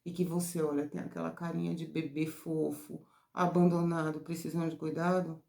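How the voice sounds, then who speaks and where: Terapeuta brasileira de voz rouca e grave. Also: female voice, normal speed, creaky. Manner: expressive, rises high and loud when excited. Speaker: therapist. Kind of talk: casual teaching talk. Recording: roomy echo.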